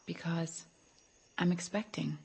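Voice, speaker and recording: A woman playing a wise, caring female spider in a film, speaking in a measured, articulate way. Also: lowish voice, fairly even intonation, creaky, darkish tone, husky, no echo, exaggerated voice. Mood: gentle, evasive. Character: gentle, wise, motherly female spider expecting babies. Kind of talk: film character acting.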